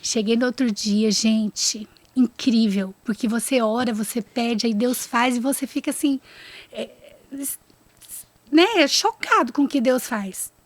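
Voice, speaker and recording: This is a young woman with a Brazilian Portuguese accent telling a personal faith story as a podcast guest. Her voice sits a little high. She tells it vividly and expressively, and the sound is dry and close. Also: measured pace, no room sound.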